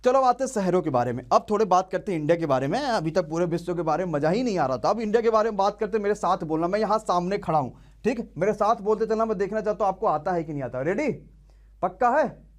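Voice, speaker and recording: A man's voice: high-pitched, animated, fast. A young man teaching an online exam-prep class, quizzing students and drilling answers call-and-response style.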